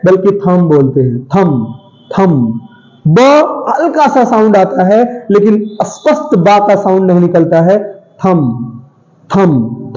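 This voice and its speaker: A high-voiced man teaches English pronunciation in a classroom manner. His tone is dark and mellow, and he repeats each word again and again, asking questions and answering them himself. The recording sounds dull and lo-fi. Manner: repeats words over and over, asks and answers his own questions. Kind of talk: classroom-style pronunciation lesson.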